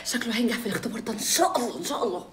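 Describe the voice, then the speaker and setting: A woman's voice: fairly high pitch, animated, rapid-fire, heavy background noise, natural voice. An actress playing a fussing, chatty office woman. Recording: film audio under loud music.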